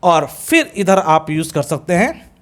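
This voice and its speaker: A middle-aged man with an Indian accent lectures a class on grammar in a fairly high voice. He takes his time, spelling out one example sentence after another and sliding between Hindi and English. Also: big pitch swings. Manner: slow, deliberate drilling of example sentences. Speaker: English teacher.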